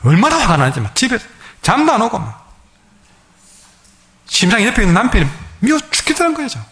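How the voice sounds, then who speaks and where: A male pastor with a Gyeongsang accent, preaching a sermon as a lively storyteller who acts out the people in his stories. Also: high voice, a little fast. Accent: Gyeongsang Korean. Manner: lively storyteller, acting out quoted dialogue.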